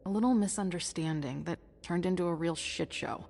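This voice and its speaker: A woman's voice: fairly low pitch, brisk, gravelly, a little mellow, a little hiss or hum. An actress playing a tough, sardonic young woman in a video game, wry, guarded and nonchalant. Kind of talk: video game character acting.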